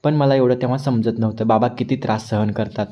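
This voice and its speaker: A man narrating an emotional first-person story in an earnest, measured way, speaking to his listeners as friends. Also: mid-range voice, steady tone, mellow.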